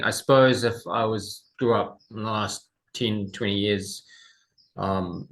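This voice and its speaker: Halting low-voiced Kiwi man. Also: fairly bright tone, rough recording. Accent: New Zealand. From New Zealand. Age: 40s. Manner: halting, with many pauses and fillers. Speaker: interview guest. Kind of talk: remote interview.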